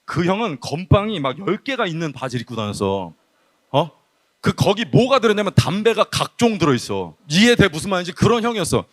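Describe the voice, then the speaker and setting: A man preaching a youth sermon in a casual, lively storytelling way, acting out the people in his story. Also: sits high, brisk. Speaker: pastor.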